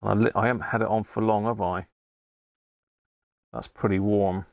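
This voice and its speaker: The recording is dry and clean, like a studio, capturing a creaky, lowish voice with a steady tone at a moderate pace. He's hosting a live electronics repair stream indoors, talking casually and thinking aloud at his bench.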